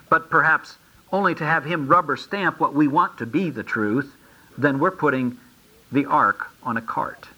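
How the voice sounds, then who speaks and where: A man with a bright, slightly high voice teaches from scripture. He reads the verses aloud and then stops to explain them in homely everyday terms. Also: poor audio. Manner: explains scripture in plain, folksy asides. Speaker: preacher. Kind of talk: sermon, Bible teaching.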